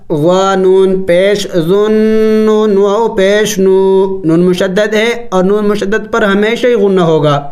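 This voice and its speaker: A man gives a tajweed lesson. He spells out each letter and its vowel slowly and deliberately. Then he explains the recitation rules at a brisker pace. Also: sits high, darkish tone. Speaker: Quran recitation teacher.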